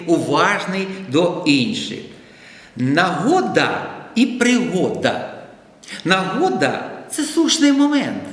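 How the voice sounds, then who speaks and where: A man giving an educational lecture, deliberately stressing and defining word pairs one by one with a Ukrainian accent. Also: sits high, fairly bright tone. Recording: echoey room with long reverb.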